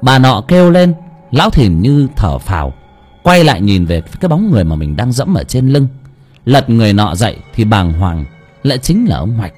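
A man narrating an audiobook story in an expressive way. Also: medium pitch, normal speed, husky, soft background music.

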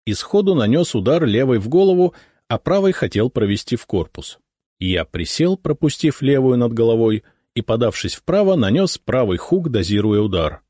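A man narrating a first-person audiobook in a measured storytelling way with expressive intonation, close to the microphone. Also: mid-range voice, breathy edge, no echo.

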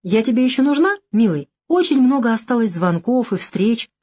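A woman's voice: on the high side, sing-song, moderate pace, mellow, voice pushed up. A woman voicing a coquettish young woman. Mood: coaxing.

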